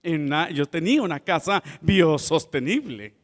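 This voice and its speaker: A man preaching a sermon as pastor, telling a story in a relaxed way with laughter and acted-out voices. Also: a little high, moderate pace, big-room sound.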